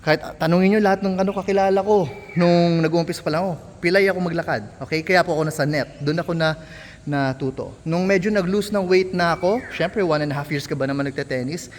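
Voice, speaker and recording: A man's voice: on the high side, fast talker. A young Filipino man with a Filipino accent, candidly explaining himself as an amateur tennis coach in a casual vlog. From Philippines. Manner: candid, apologetic, mixing English into Tagalog. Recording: long hall reverb, faint ambient noise.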